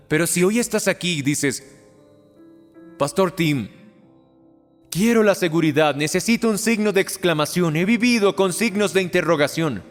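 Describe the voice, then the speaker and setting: A man preaching with a high, fervent voice that pleads and presses, often repeating a phrase for weight. His words ring out with a long hall reverb. Soft music plays faintly underneath. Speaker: preacher, Spanish voice of the sermon. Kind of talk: sermon with altar call.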